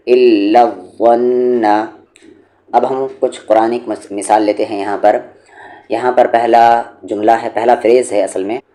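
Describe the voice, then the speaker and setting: Guy teaching quran pronunciation, low mellow voice, recites stuff slow and drawn out. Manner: explains briskly, then recites words slowly and drawn out. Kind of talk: tajweed lesson with recited examples.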